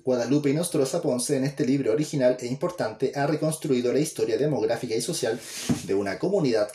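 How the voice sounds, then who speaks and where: A man's voice: medium pitch, dark tone. A man reading an academic book aloud in an amateur way, plainly and unhurriedly, correcting himself mid-phrase. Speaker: reader. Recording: roomy echo.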